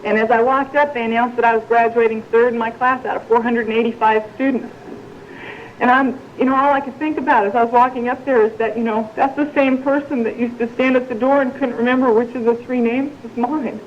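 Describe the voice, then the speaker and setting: A woman's voice: fairly high pitch, steady tone, a little fast, dull audio, a little hiss or hum. A woman giving a personal testimony at a recovery meeting, wry and conversational, peppered with "you know".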